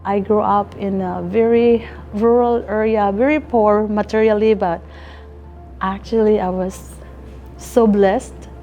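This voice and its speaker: A woman's voice: medium pitch, fairly even intonation, takes it slowly, warm tone, faint music behind. A middle-aged woman from the Philippines with a Filipino accent, talking earnestly in a casual interview and laughing often. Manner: earnest, laughs often, nonstandard English grammar. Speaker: restaurant owner and chef.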